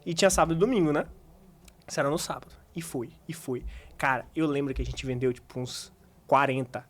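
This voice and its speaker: A man's voice: on the high side, steady tone, fairly quick, a bit bright. Podcast host guy, casual chatty storytelling, laughs along, pace all over. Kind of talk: casual chat.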